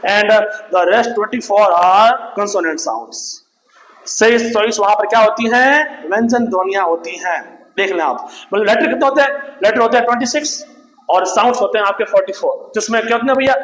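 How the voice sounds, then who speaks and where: A man's voice: very high voice, fairly bright tone. A man teaching English grammar in Hindi, asking his class questions and answering them himself, repeating the key terms. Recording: echoey room.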